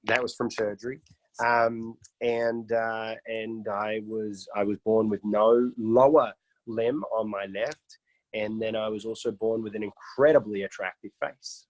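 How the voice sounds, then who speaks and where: A man's voice: on the low side, fairly even intonation, a little slow, dry recording. A man from Iraq, a guest on a mentoring video call, telling his life story casually with a joking streak and many restarts. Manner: joking, with frequent restarts and fillers.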